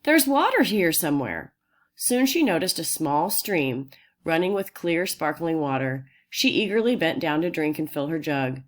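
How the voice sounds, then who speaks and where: A woman reading a children's novel aloud in a steady, unhurried storytelling voice. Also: deep voice. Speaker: audiobook reader.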